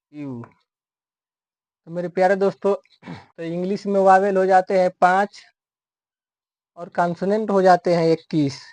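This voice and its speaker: A man teaching a grammar lesson, explaining rules slowly and repeating each step, calling his viewers dear friends. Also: high voice, darkish tone, no room sound. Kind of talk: classroom-style grammar lesson.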